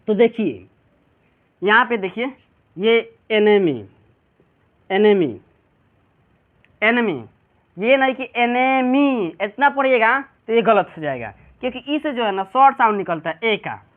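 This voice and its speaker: A male teacher with a Bihari Hindi accent giving a classroom pronunciation lesson, who keeps asking his students questions and answering them himself. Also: high voice. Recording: tinny phone-like sound.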